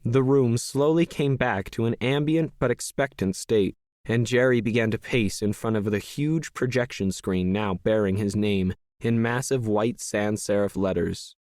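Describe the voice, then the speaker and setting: Measured male audiobook narrator. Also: fairly low pitch, dry recording, clean studio sound. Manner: measured, even storytelling. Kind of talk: scripted first-person narration.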